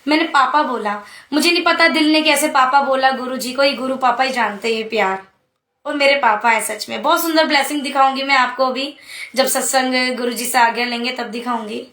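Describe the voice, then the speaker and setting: A young woman tells her devotional story to a gathered congregation in a high, ringing voice. Her tone is earnest and heartfelt, and her words tend to tumble out quickly. The sound is caught in an echoey room. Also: bright, forceful tone. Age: young adult. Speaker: devotee sharing testimony at a satsang. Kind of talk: devotional personal testimony.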